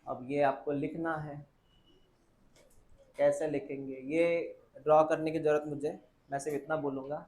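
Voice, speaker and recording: A man's voice: a little high, little pitch movement, a little mellow. Man teaching biology in an echoey classroom. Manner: repetitive, quizzing students with quick questions. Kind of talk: classroom lecture.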